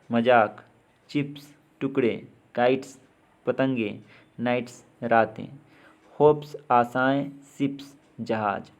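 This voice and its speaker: Male language teacher, unhurried lesson delivery, reads each word and its meaning slowly. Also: medium pitch. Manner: reads words with their Hindi meanings, one by one; slow and deliberate, repeats words. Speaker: English teacher. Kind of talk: spoken pronunciation lesson.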